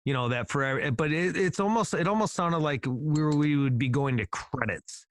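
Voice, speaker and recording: Relaxed rambling male podcast host. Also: a little high, normal speed, no room sound. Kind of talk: casual podcast conversation.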